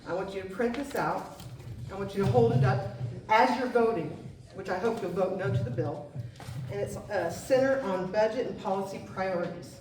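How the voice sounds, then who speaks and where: A woman's voice: mid-range voice, background noise. A woman giving an urgent, indignant public comment at a town hall meeting, speaking directly to her congressman. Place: museum meeting room. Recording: echoey room from far off.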